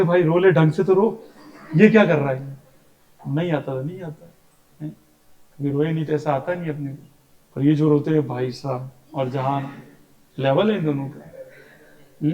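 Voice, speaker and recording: A man's voice: fairly high pitch, a little mellow. A male science teacher giving a classroom lecture, chatty and teasing, breaking into stories and imitations of his family. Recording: echoey classroom.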